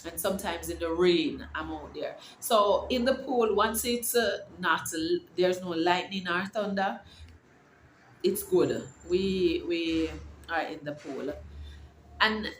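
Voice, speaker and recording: Taking her time, a lowish-voiced middle-aged woman from Jamaica shares a casual, faith-filled vlog from her house. She rambles with restarts in an upbeat, sermonizing way, recorded in an echoey room with faint ambience and slight hiss or hum.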